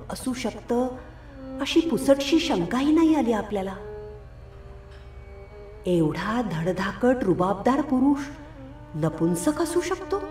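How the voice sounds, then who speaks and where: A woman voicing an earnest young wife who speaks gently and questions herself in anguish, with faint instrumental music behind. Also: high-pitched, reverberant, pitched above the performer's own voice.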